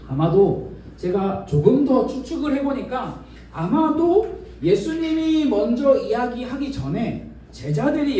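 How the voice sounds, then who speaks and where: A man's voice: high-pitched, dark tone, slight background noise. A man giving a children's sermon in a church, asking the kids questions and acting out imagined dialogue. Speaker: children's ministry preacher. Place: church worship room. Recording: very echoey room, from a distance.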